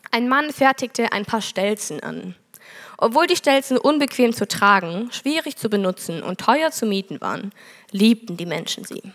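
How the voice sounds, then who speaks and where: Woman preaching in an echoey hall. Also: mid-range voice. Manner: earnest storytelling, reads scripture aloud. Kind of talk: sermon with a told parable.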